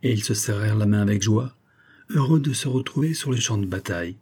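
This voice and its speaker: Husky, low, mellow-toned male reader for classic fiction audiobook narration. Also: expressive. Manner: measured, lifts voice for dialogue. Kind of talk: scripted narration of a classic novel.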